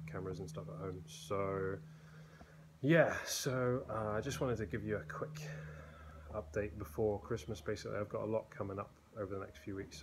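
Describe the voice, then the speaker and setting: A man in his thirties, who vlogs about blacksmithing, strolls through his indoor workshop with concrete walls, filming himself at arm's length on a phone. His lowish voice rambles casually with many fillers and restarts, and the phone captures a noisy workshop.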